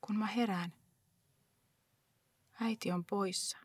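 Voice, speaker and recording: A woman performing a dramatic first-person monologue with an intense, hushed delivery. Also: medium pitch, steady tone, breathy edge, no room sound.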